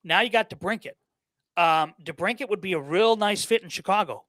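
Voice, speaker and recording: A man's voice: sits high, a little fast, bright, forceful tone, no echo. A man guesting on a sports podcast, giving opinions in casual chat, often repeating words and using fillers.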